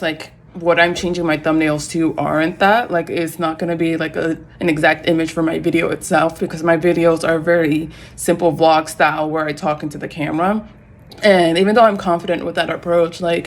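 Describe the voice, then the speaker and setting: A young woman vlogging casually to her phone camera at home, rambling with lots of fillers and rushing when nervous. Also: deep voice, vocal fry, a little hiss or hum. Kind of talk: casual vlog talk to camera. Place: home, on a couch.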